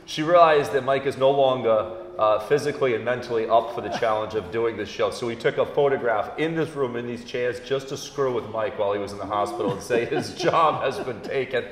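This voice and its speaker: A man co-hosting a comedy talk show, telling a story in a relaxed, animated way and laughing as he acts out quotes. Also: medium pitch, brisk, hardly any pauses. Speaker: comedian co-host. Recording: echoey room with faint hum.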